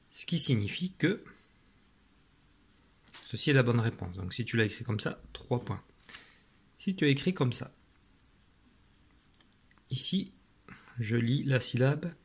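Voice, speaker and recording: A man leads a spelling dictation lesson in a slightly husky voice. He speaks slowly and patiently, stretching out each syllable. His tone stays steady and encouraging throughout. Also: medium pitch. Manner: slow, patient, sounding out syllables. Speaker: primary school teacher.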